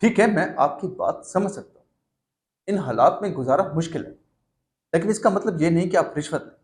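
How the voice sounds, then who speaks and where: A man hosting a mock interview in a comedy sketch, speaking in a measured, formal way that turns stern when he scolds his guest. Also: on the high side, lively intonation. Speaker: host.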